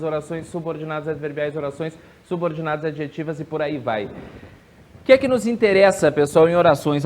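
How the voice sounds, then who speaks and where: A man teaching a grammar lesson for an exam, drilling rules with quick yes-or-no questions and drawing out key words slowly. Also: on the high side, a little mellow, slight background noise.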